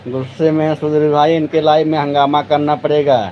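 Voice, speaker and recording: A man's voice: fairly high pitch, flat delivery, fairly quick, highs cut off, slight background noise. A man hosting a casual live stream, teasing and bantering with viewers as he responds to their comments. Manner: teasing, playful banter, addressing viewers directly.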